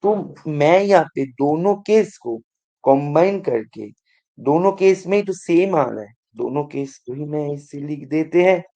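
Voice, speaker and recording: Slow, high-voiced math teacher. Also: male voice, expressive, dark tone. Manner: quizzes students, repeats prompts to pay attention. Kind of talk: exam-prep lecture.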